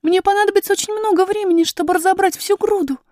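A woman voicing a young princess girl who speaks in a high, insistent, eager way. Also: steady tone, fast, dry recording, studio quality. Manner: bright, insistent, high-pitched.

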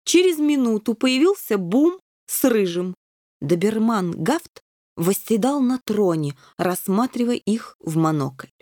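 A woman narrating a children's storybook in a measured, expressive way. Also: medium pitch, dry recording, studio quality. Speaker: audiobook narrator.

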